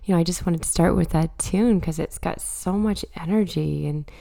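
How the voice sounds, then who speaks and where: A woman hosts a casual monologue, her voice raspy and hoarse from a cold. It sits fairly low and sounds dark and gravelly. She talks thoughtfully and leans on fillers. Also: moderate pace. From Canada. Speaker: podcast host.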